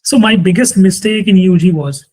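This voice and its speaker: A man's voice: sits high, normal speed, darkish tone. A man hosting an interview, delivering prompts and scripted remarks. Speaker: interview show host.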